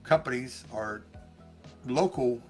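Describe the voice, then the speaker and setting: A man's voice: mid-range voice, takes it slowly, soft background music. A man co-hosting a casual live stream, rambling in a friendly way with many fillers and restarts. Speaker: co-host and life coach.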